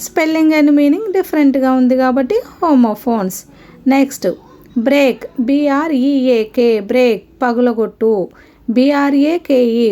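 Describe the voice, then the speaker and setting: A woman's voice: high voice, dark tone. A woman teaching a grammar lesson, patiently spelling words out letter by letter and repeating each rule. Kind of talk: grammar lesson explaining word pairs.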